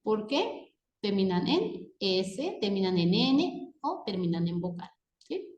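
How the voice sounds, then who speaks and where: A woman's voice: medium pitch, very animated, takes it slowly, darkish tone, dull audio. A woman teaching a grammar lesson, patient and checking in with the class after almost every point. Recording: echoey room.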